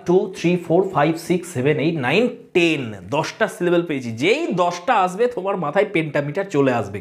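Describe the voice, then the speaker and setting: A woman teaching an online English poetry lesson. She explains step by step and asks and answers her own questions. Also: lowish voice.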